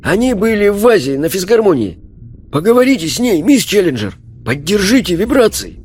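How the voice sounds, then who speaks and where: A man's voice: high-pitched, big pitch swings, fairly quick, darkish tone, husky, pitched above the performer's own voice, heavily acted. A man doing a coaxing séance leader. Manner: coaxing, chummy. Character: genial middle-aged man leading a séance circle. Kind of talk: audiobook character voice.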